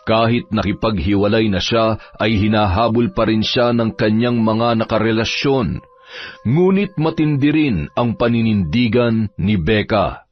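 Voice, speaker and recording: A man narrating a dark true story in a slow, measured, dramatic way. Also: on the low side, lo-fi sound.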